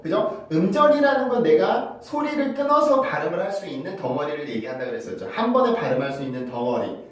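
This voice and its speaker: A man's voice: high voice, darkish tone, very echoey, distant mic, poor audio. A man teaching English pronunciation, explaining patiently and drilling example words over and over, often checking with the class. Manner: explains patiently, often asks "right?" and demonstrates sounds by repeating words. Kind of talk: pronunciation lesson. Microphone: camera-mounted microphone.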